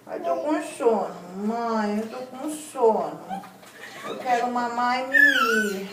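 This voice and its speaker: A woman voicing her sleepy baby girl in soft cooing baby talk. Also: on the high side, lively intonation, slow. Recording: echoey room, far mic, loud noise.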